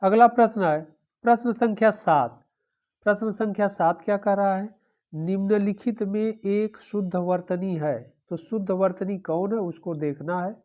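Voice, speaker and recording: A woman's voice: medium pitch, unhurried, warm tone. A woman teaching an exam-prep lesson, going through the answer options one by one and repeating them, with a frequent "okay".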